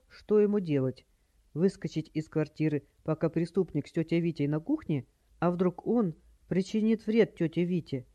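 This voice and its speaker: A narrator reading a story aloud in steady audiobook style. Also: medium pitch, no echo, dull audio.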